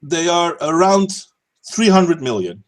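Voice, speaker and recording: Talking politics on his casual stream, this host is emphatic, curses, and repeats words when beginning sentences. His fairly high voice is slow and sing-song.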